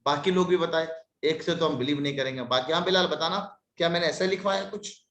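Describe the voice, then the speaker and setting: A man teaching a live online maths class, lively and scolding his students in jest. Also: on the high side, brisk, reverberant.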